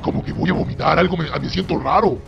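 A man voicing a rude, cryptic male talking dog in a deep gravelly growl. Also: fast talker. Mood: ominous. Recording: muffled with loud music behind.

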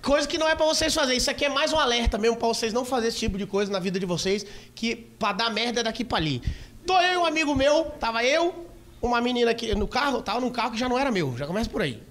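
A male stand-up comedian with a Brazilian accent, telling a story in a rowdy, swearing way and acting out scenes with sudden shouts. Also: high voice. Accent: Brazilian Portuguese. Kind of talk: stand-up routine. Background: audience laughter.

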